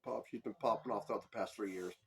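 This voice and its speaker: A man's voice: lowish voice, steady tone, quick pace, creaky. A man hosting a podcast, delivering a heated, profane political commentary monologue. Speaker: podcast host.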